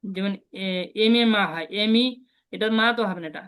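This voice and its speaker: A woman teaching a beginner Chinese lesson online, slowly drilling sounds for her students to repeat. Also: mid-range voice, a bit bright, clear, resonant tone, faint music behind. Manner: patient, slow repetitive drilling of sounds.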